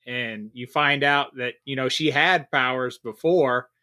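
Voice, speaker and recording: A man with a bright, mid-pitched voice chatting on a podcast. He talks eagerly, gushing about scenes he liked and laughing easily. The tone is relaxed talk among friends. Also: unhurried. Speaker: podcast co-host. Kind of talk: casual chat.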